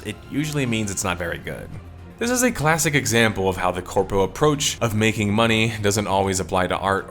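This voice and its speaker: Guy narrating his video essay, lowish voice kinda worn out and strained, wry opinionated delivery, soft music under it. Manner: opinionated, wry, detective-themed wrap-up. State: strained, tired voice. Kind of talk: scripted commentary narration.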